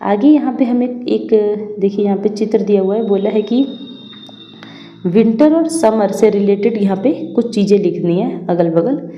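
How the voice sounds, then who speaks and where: Woman teacher explaining a lesson, patient, self-questioning; very dark, mellow tone in an echoey room. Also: mid-range voice, normal speed, lo-fi sound. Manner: patient, asks and answers her own questions. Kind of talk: explaining a school English lesson. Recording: roomy echo.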